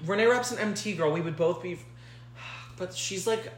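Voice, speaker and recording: Young woman podcast co-host, New York accent, lowish voice, filler-heavy chatter, roomy echo. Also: normal speed. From New Orleans. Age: young adult. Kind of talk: casual chat. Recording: roomy echoey room.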